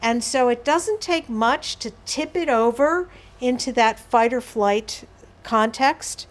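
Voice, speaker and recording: A woman speaks slowly, her voice on the high side, while presenting a behaviour management workshop. She takes a patient approach with her audience, offering everyday examples and asides.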